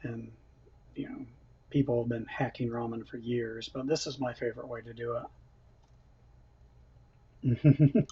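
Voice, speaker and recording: Speaking unhurriedly with long pauses, a man with a medium-pitched, slightly rough voice and fairly even intonation runs a casual cooking stream from his home kitchen. He eats as he chats, laughing often and reading viewer comments aloud, all recorded on a built-in camera mic with dull lo-fi sound.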